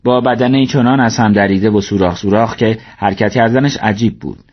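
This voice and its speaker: A man narrating an audiobook story in a steady, measured reading voice, in a dull lo-fi recording. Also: on the low side.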